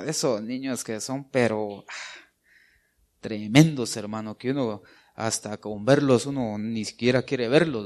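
A man preaching a sermon in a conversational way, often calling the listener brother and checking in with tag questions. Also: mid-range voice.

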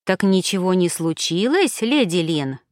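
A woman reading an audiobook, voicing a motherly older cook woman who fusses and chides slowly. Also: fairly low pitch, sing-song, a little mellow, no room sound, clean studio sound. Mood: fussing.

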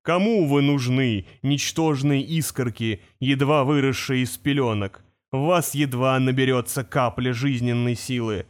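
Man voicing a slow granite fire creature. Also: medium pitch, steady tone, lightly acted. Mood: ominous. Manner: slow, solemn, ominous. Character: ancient male fire creature of granite, menacing.

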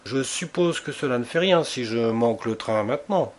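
A man's voice: medium pitch, animated, moderate pace, natural voice. A man reading the line of a cheerful older woman, a captain's wife, in an audiobook.

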